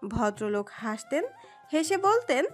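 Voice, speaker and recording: A woman narrates a romantic story with an expressive, dramatic reading. Her voice sits high, and soft music plays underneath. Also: measured pace. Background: soft background music.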